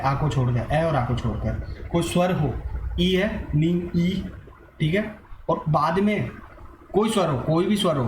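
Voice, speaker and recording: A man's voice: on the high side, roomy sound, background noise. A man teaching an online grammar lesson, asking and answering his own questions and mixing in English words.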